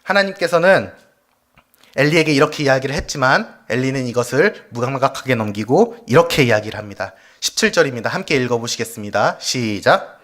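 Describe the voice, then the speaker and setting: Animated and fairly quick, with a mid-range, slightly bright voice, a male evangelist delivers a Wednesday sermon in the church sanctuary. He guides the congregation through reading scripture aloud and asks them rhetorical questions.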